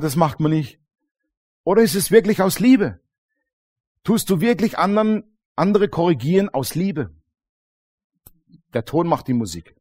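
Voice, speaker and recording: A man preaching a sermon to a congregation, lively and colloquial, acting out little dialogues and often calling out "Amen". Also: a little high. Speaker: pastor. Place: church congregation.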